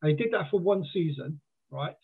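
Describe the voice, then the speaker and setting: On a tinny, phone-like line, a podcast guest from Wales chats away in a mix of Welsh and southern English accents. His voice sits on the high side, gravelly with a breathy edge, and he's animated and brisk. He keeps restarting sentences and acting out quotes.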